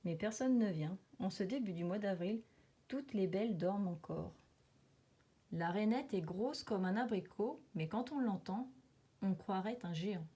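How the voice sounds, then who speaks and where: A woman with a husky, medium-pitched voice reads a children's nature book aloud at an unhurried pace. She narrates like an expressive storyteller in documentary style, putting dramatic emphasis on repeated words and sound words.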